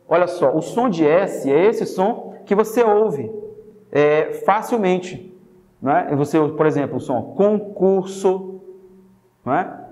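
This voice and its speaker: Lively Brazilian man teaching spelling. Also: a little high, in a large hall. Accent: Brazilian Portuguese. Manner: lively, jokey, coaxing with tag questions. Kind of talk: spelling lesson.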